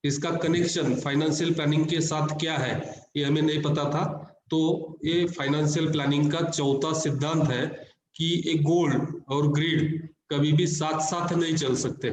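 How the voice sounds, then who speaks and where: Male trainer giving a call lecture, slightly high voice, echoing and smeared over a patchy line, faint hiss. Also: fairly even intonation, a little slow, few pauses. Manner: explanatory, repeats points in varied words. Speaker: financial planning trainer. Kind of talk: online lecture. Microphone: video call.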